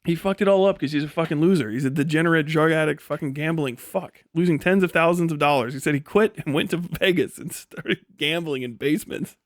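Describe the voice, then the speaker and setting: A man's voice: on the high side, a little fast, few pauses, dry recording, studio quality. A man hosting a livestream with casual, unscripted commentary, talking bluntly and opinionatedly with heavy swearing as he responds to chat. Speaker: livestream host reading and answering chat.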